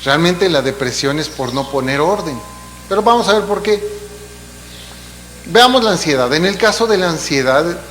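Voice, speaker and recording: A man's voice: a little high, animated, moderate pace, fairly bright tone. Man preaching in an echoing church hall. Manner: conversational, explaining with asides and rhetorical questions. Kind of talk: sermon. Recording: long hall reverb, faint hum.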